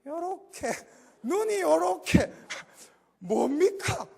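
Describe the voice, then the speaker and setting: A male pastor with a Gyeongsang Korean accent preaching a Sunday afternoon sermon in a folksy, animated way, prompting the congregation to answer. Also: very high-pitched, slow, gravelly. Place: church sanctuary. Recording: reverberant church hall.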